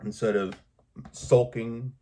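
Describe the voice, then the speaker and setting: This video creator has a warm, medium-pitched voice with fairly even intonation, and he takes his time. His casual vlog monologue is an off-the-cuff pep talk, earnest and rambling, with repetition for emphasis.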